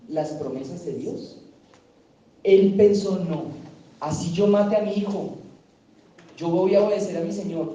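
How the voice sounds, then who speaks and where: A man's voice: sits high, warm tone. A man preaching a sermon in a church, talking with the congregation and asking them questions. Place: church hall. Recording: echoey, distant, dull church recording.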